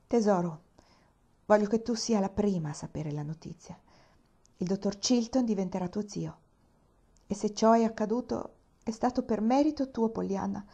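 A proud, nervous aunt, voiced by a woman reading a storybook, speaking with strain and care. The tone is mellow and unsharp. The recording is dull and lo-fi. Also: mid-range voice, normal speed, long pauses, slightly rough. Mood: tender. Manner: anxious, tender. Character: anxious stern older aunt, softening.

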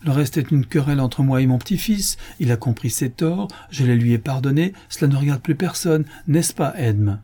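A man's voice: medium pitch, expressive, moderate pace, hardly any pauses, warm tone, pitched above the performer's own voice, lightly acted. A man reading the part of a domineering older grandmother, speaking vehemently. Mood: dismissive. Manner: vehement, raging.

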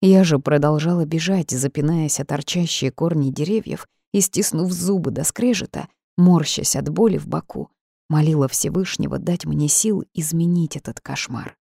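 A woman's voice: deep voice, moderate pace, gravelly, dark tone, husky, dry recording, studio quality. A woman narrating a first-person audiobook in a dramatic reading style.

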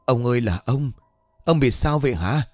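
A man's voice: mid-range voice, animated, moderate pace, no room sound, faint music behind, lightly acted. Give me a man playing an anxious old village woman, begging her husband, with a dry sound. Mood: frightened. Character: anxious old wife, fretting over husband.

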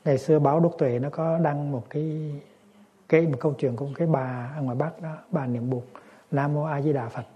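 A man, a Buddhist monk, giving a dharma talk in a gentle storytelling manner that turns lively in the anecdotes. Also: on the high side, a little fast, husky, muffled recording. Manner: gentle storytelling, lively when acting scenes.

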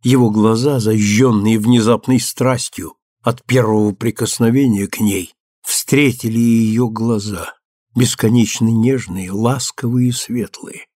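Guy reading an audiobook, even measured voice, dry close sound. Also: fairly low pitch, no echo. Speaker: audiobook reader. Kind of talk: scripted narration of a novel.

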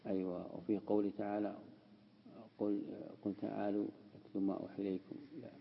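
A man's voice: lowish voice, little pitch movement, fast talker, creaky, big-room sound, muffled recording, a little hiss or hum. A man teaching a classical text as a sheikh, explaining and repeating key words. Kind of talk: lesson explaining Quranic word usage.

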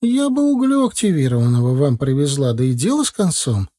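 A man voicing a brisk, stern middle-aged woman medic who speaks firmly and in a businesslike way. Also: mid-range voice, very animated, dark tone, dry recording, clean studio sound, voice pushed up. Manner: businesslike, firm.

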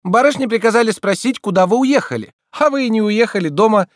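A man voicing an eager young girl maid in an audiobook reading, with a high, chirpy delivery. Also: fast, dry recording, studio quality, natural voice.

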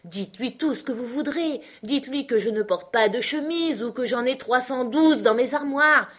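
Une lectrice qui prête sa voix à un oncle d'âge mûr, ironique, honnête et prompt à s'emporter. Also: female voice, high-pitched, moderate pace, a bit bright, pitched above the performer's own voice. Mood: exasperated. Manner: exclaiming, ironic. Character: excitable, principled middle-aged uncle, a man.

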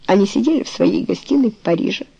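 Brief: woman reading a romance novel aloud, dark and gravelly, dry close sound. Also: medium pitch, expressive, quick pace, no room sound. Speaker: audiobook narrator.

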